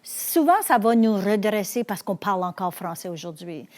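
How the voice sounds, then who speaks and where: A woman's voice: medium pitch, animated, normal speed, darkish tone. A woman speaking in an earnest, encouraging way, often repeating words as she starts a thought. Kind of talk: reflective commentary.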